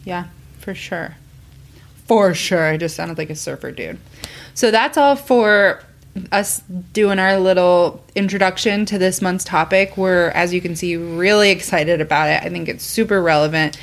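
A woman's voice: on the low side, normal speed, gravelly. A woman co-hosting a faith podcast, talking in an earnest, rambling way with restarts. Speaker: podcast co-host. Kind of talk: casual faith chat.

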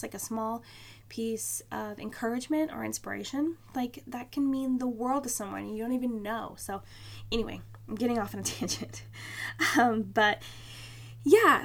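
A woman's voice: medium pitch, gravelly. A young woman hosting a solo podcast, talking in a chatty, candid way with lots of "like" and "um". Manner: chatty and candid, many fillers like "like" and "um". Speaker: podcast host. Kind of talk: casual solo podcast talk.

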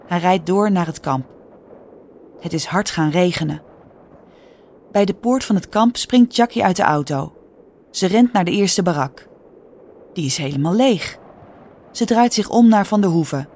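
A woman with a Dutch accent reading a children's story aloud in a calm, clear storytelling manner. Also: fairly low pitch, a little slow, long pauses. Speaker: narrator. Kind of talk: scripted storybook narration.

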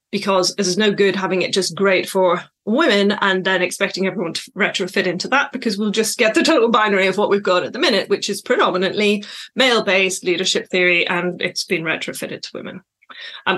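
A woman speaks close to the mic in a solo podcast episode, in a voice of ordinary middle pitch. She talks in a loose, reflective way, wandering into tangents and filling pauses with ums and little laughs. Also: fairly bright tone. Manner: chatty, reflective, digressive with frequent fillers and laughs. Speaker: podcast host and coach.

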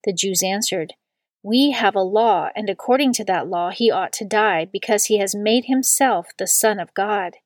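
A woman reading a long scripture passage aloud in a measured liturgical style, slowing down on the quoted words. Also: mid-range voice, dry recording. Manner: slow and deliberate on quoted words. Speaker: scripture reader.

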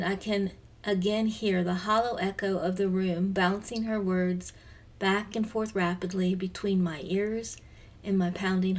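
A woman in her fifties reading her devotional aloud as podcast host. She speaks gently and reflectively, sometimes dropping to a soft near-whisper. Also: medium pitch, gravelly. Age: 50s. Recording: voice slightly distant from the mic.

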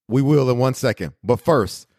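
A man hosting a podcast, talking in a lively, slangy, conversational way as he interviews a guest. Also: mid-range voice, normal speed. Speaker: podcast host. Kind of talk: casual interview.

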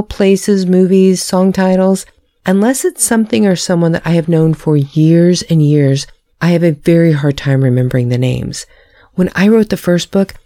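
An adult married author hosts her own podcast, reading a prepared personal talk in a candid, self-deprecating way and laughing at herself. Her voice is low, gravelly and warm, recorded close and dry with no room sound.

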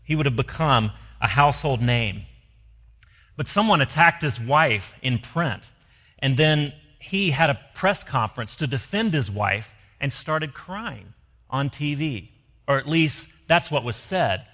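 A man preaching a sermon, asking rhetorical questions and dropping to soft emphasis. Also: medium pitch, lively intonation, a little slow. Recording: long hall reverb.

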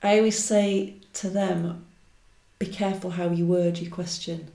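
Lowish-voiced woman hosting in an echoey room. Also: little pitch movement, unhurried, creaky, mellow. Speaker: podcast host and tarot teacher. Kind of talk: casual interview chat.

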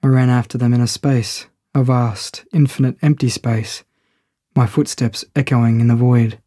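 A man's voice: medium pitch, fairly even intonation, moderate pace, warm tone, dry recording, studio quality. A man narrating a first-person audio story in a wry, conversational way.

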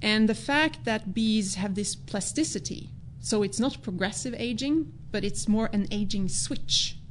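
A woman who grew up in Norway, a biologist answering interview questions in a measured, explanatory way. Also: medium pitch, a little hiss or hum. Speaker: biologist guest.

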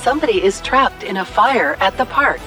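A woman's voice: medium pitch, expressive, fairly quick, over music, close to an everyday voice. A woman voicing a polite, obedient computer voice assistant in a children's cartoon, making formal, clipped status announcements. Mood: helpful, efficient.

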